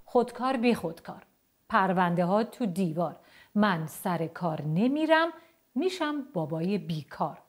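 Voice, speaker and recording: A woman voicing a father throwing a childish tantrum, shouting and chanting in a sing-song way. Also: medium pitch, lively intonation, natural voice.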